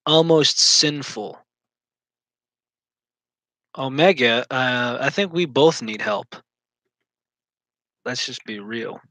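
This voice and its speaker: A man's voice: medium pitch, takes it slowly, pauses often, sharp tone, no room sound. A man in casual chat, rambling and teasing his co-host with jokes.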